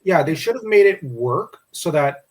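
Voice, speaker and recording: Casual co-host, male, slightly high voice, loose and rambling delivery. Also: very animated, moderate pace, a little mellow, slightly rough. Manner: rambling, restarts often. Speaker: podcast co-host. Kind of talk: casual history discussion.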